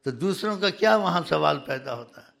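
A man speaking as a spiritual leader in a religious talk to his followers, scolding and emphatic, often growing loud and fiery. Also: on the high side, lively intonation, gravelly.

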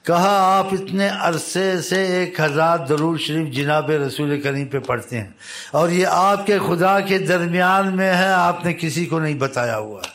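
A male preacher tells a devotional tale in a slightly raised voice. He slips into the people of the story by lifting his pitch for their lines. His delivery halts and restarts, with repeated words. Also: a bit bright. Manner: retells a tale, voicing its people in quoted lines with a lifted pitch; halting restarts and repetitions. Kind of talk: storytelling sermon.

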